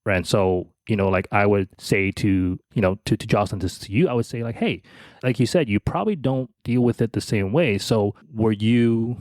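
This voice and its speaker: A man co-hosting a podcast, telling a reflective personal story in a halting way, with restarts and soft laughs. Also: on the low side, no echo. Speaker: podcast co-host.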